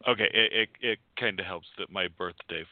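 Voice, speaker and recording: Deep-voiced easygoing man, phone-like. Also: fairly quick, a little hiss or hum. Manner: easygoing, joking. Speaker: co-host. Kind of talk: casual chat. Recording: dry, phone-like line.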